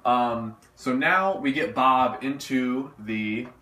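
A man's voice: medium pitch, slow pace, bright, forceful tone. A young man hosting a casual livestream lesson at a whiteboard indoors, talking energetically in slangy style and acting out little dialogues, picked up by a phone camera a few steps away. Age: young adult. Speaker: livestream host teaching marketing. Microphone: phone camera at a distance.

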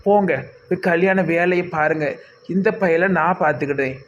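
A man's voice: on the high side, normal speed, muffled recording, a little hiss or hum, natural voice. A man voicing a stern middle-aged village panchayat leader in a cartoon, giving orders in a commanding, threatening way with a Tirunelveli Tamil accent.

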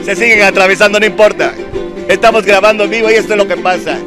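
A man's voice: high voice, fairly even intonation, fast talker. A man reporting live at an outdoor town festival, chatting in a playful, easygoing way. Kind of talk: live on-the-street chat. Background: live folk music.

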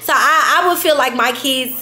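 A young adult woman chatting casually in an animated, slangy way. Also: high voice, moderate pace. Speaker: vlogger. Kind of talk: casual chat. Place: indoors at a home dining table. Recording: echoey room.

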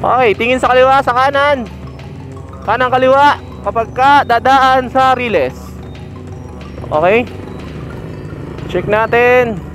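A man's voice: very high-pitched, a little slow, pauses often, a bit bright, faint music behind. A man giving casual, instructive commentary while riding a motorcycle on open roads, recorded on a helmet-mounted action camera. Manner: chatty, instructive, points out riders. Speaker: motovlogger. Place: outdoors on a moving motorcycle on a road.

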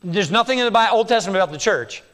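High-voiced pastor preaching in a reverberant hall. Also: male voice, expressive, very fast. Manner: expository preaching, swinging between hushed low lines and raised emphatic ones. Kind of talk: sermon. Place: church sanctuary. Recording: long church hall reverb.

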